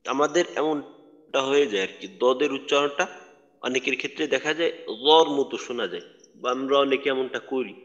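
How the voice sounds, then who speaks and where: A man's voice: mid-range voice, brisk, fairly bright tone. A man teaching Quran recitation in an online lecture, patient and explanatory, repeating his points for emphasis. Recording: dull lo-fi audio with long reverb.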